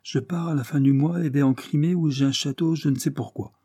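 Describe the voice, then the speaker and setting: A man's voice: on the high side, steady tone, a little fast, vocal fry, warm tone, no echo, studio quality, voice pushed up. A man voicing a teasing, haughty aristocratic princess in an audiobook reading. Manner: mocking, teasing.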